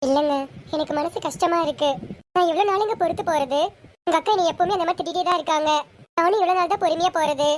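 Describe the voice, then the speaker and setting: A woman's voice: very high voice, fast talker, slight background noise. An actress playing a young wife who is crying and upset, talking plaintively about how she is treated. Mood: hurt, tearful. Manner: plaintive, complaining. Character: young wife, hurt and upset by her sister-in-law. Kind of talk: TV serial acting.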